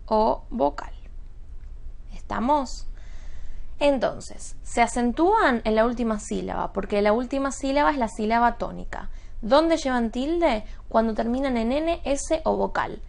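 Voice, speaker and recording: Woman teacher, slightly high voice with gravel, measured lesson delivery, keeps checking the class understands. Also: a little mellow. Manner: deliberate, checks understanding with quick questions. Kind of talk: spoken grammar lesson.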